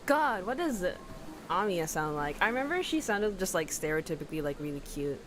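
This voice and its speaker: A woman's voice: lowish voice, sing-song, brisk. A woman streaming a game in casual, chatty commentary, giggling and gushing with lots of fillers. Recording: loud game music behind the voice.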